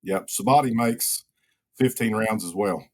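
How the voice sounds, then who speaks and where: A man answering as a guest in an interview. He explains things at a steady, measured pace. He keeps a plain, even conversational tone. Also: lowish voice. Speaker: firearms engineer guest.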